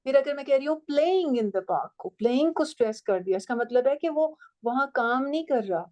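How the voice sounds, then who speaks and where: A woman's voice: sits high, lively intonation, fairly quick, a little mellow, dull audio. A woman teaching a writing and language class, explaining step by step and checking that her students follow.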